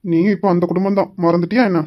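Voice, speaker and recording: A stern young policeman husband, played by a woman who lectures firmly and fast. The voice is lowish for a woman and quick-talking. Amateur family drama. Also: level tone, lo-fi sound, close to an everyday voice. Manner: firm, lecturing, shouts for his wife.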